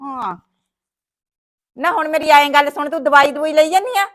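A worried, theatrical sister-in-law with a high voice and a Punjabi accent, given to wailing and nagging advice. The acting is plain and homely, in the way of a village short film, with a woman playing her. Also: moderate pace, fairly bright tone. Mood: fretful. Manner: dramatic wailing, scolding. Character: fretful sister-in-law caring for her brother's wife.

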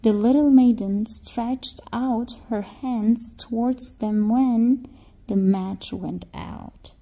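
A woman narrates a fairy tale for children in a fairly high, mellow voice. Her reading is slow and scripted, as a storyteller's. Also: fairly even intonation, low-quality recording.

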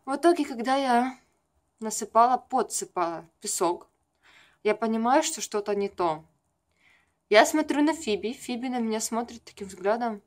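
A young adult woman with a fairly high, expressive voice and a moderate pace rambles through everyday stories in a casual, confiding vlog. A vlogger and makeup artist, she holds the camera at arm's length in a small furnished room at home.

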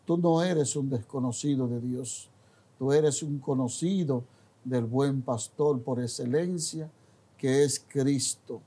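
A man with a slightly husky voice speaks on a religious television program. His tone is warm and mellow, and his delivery is slow. He addresses the listener directly in a gentle, reassuring way. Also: medium pitch. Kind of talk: preaching-style reflection.

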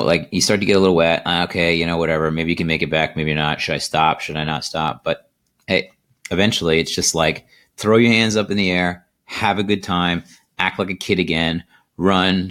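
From his desk indoors, a middle-aged man with a very low voice hosts a relaxed crypto video of casual market commentary. He rambles loosely and stops often for "uh" and "um," picked up by a basic computer microphone.

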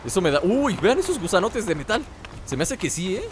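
A man giving excited let's play commentary, teasing and shouting in bursts. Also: high voice, a little fast, background noise. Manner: excitable, loud outbursts, teasing, sings along. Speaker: gamer.

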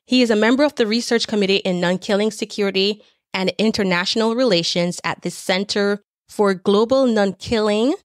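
A woman's voice: medium pitch, no echo, clean studio sound. A woman, hosting a podcast and introducing a guest. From a Caribbean island. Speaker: podcast host.

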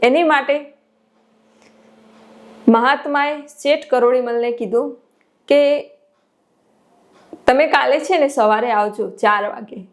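A woman spiritual teacher tells a devotional parable in a sermon. She is expressive and exclamatory, and her voice sits fairly high.

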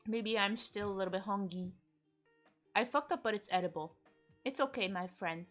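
A woman's voice: mid-range voice, moderate pace. A young woman streamer chatting casually with her viewers while eating, reading and answering chat with frequent giggles. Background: faint background music.

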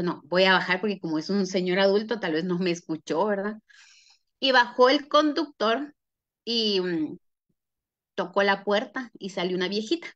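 A woman's voice: mid-range voice, fairly bright tone, lo-fi sound. A woman with a Guatemalan accent telling a folk legend in a casual, folksy way, often checking in with the listener. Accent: Guatemalan Spanish. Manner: folksy, tags lines with "¿verdad?". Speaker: guest storyteller. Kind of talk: casual oral storytelling of a legend.

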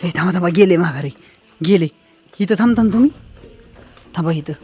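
A man acting in a village comedy skit, urging and hushing the children around him with bossy commands. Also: sits high, brisk, slightly rough. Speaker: adult leading children in a skit. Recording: loud music behind the voice.

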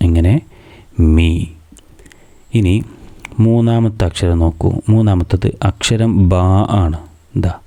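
A man's voice: low voice, a little slow, dark tone. A man teaching a reading lesson to young children, patiently asking questions and answering them himself. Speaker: madrasa teacher.

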